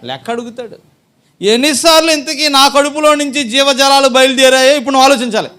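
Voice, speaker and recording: A man's voice: very high-pitched, steady tone, quick pace, pushed and bright. A man preaching a church sermon as pastor, firing rhetorical questions at the congregation and answering them himself, and acting out examples with a listener. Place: church service.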